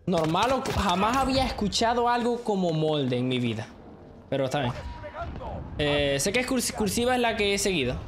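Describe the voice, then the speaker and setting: A young male streamer talks loosely to his chat while he plays, rambling from one thought to the next and laughing often. He mixes in English slang. The mic carries steady background noise and the click of game sounds. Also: sits high, normal speed. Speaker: gaming streamer. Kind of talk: casual live-stream chat with viewers.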